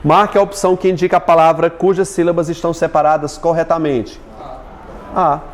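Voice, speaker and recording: Brazilian guy teaching a class, talky and jokey, a bit high, faint hiss behind. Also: level tone. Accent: Brazilian Portuguese. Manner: chatty, jokes with students, spells words out slowly. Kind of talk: exam-prep lesson.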